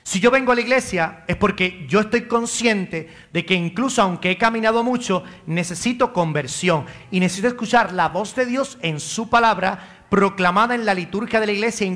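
A man with a Caribbean Spanish accent preaches a sermon as a priest in church, his voice pitched high. He questions and answers himself and calls on members of the congregation by name, with a bright, forceful tone.

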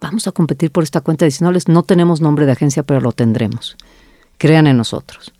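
Warm, mellow, and deep, the voice belongs to a middle-aged agency founder chatting as a guest in an interview, speaking a little fast. She tells her business story in a lively way, quoting herself and others, and the recording is dry, close, and free of echo.

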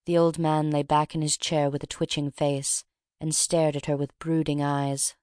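A narrator reading a classic story aloud in an audiobook, in a steady, even voice. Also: medium pitch, moderate pace, smooth, no echo, clean studio sound. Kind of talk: scripted narration.

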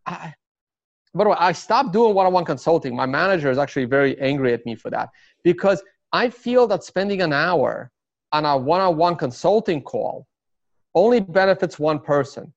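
There's no room sound in this dry, slightly dull recording of a man whose voice is on the high side. A native Russian speaker from Russia with a Russian accent, he rambles as a guest in a casual interview, full of fillers and restarts.

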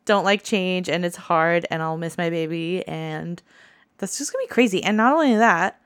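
A woman's voice: fairly low pitch, moderate pace, dry recording, clean studio sound. A woman in her thirties co-hosting a podcast in casual chat, talking loosely with lots of "like" and frequent laughs. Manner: chatty, laughs often, says "like" a lot. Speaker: podcast co-host.

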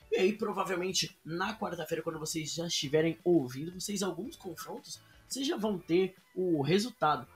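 A man's voice: on the high side, fairly bright tone. A man hosting a casual football podcast, talking informally and addressing the listeners directly. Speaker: podcast host.

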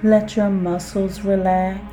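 A woman guiding a self-hypnosis relaxation in a soothing, deliberate manner, like a sleep story narrator. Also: medium pitch, flat delivery, warm tone, faint music behind. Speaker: podcast host and relaxation guide.

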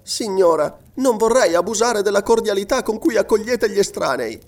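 A man's voice: high voice, expressive, normal speed, pitched above the performer's own voice. A man voicing an anxious young girl who pleads tearfully for news of her father, in an audiobook. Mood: eager. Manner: tearful, imploring. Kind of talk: audiobook reading.

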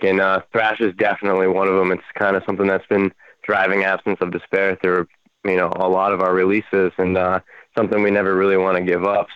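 Band guest, man, smooth low voice, casual and rambling, slightly dull audio. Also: no echo. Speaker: band member, interview guest. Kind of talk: casual interview chat.

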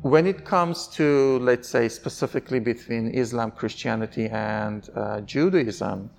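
A man's voice: mid-range voice, measured pace, gravelly. A man from Iran, giving candid interview answers in an earnest, searching way, often restarting his sentences.

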